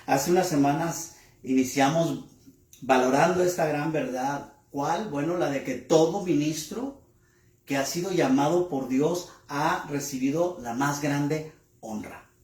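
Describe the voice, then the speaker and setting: A male pastor delivering a sermon, speaking deliberately, asking rhetorical questions and repeating key words for emphasis. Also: on the high side, a little mellow, echoey room. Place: church.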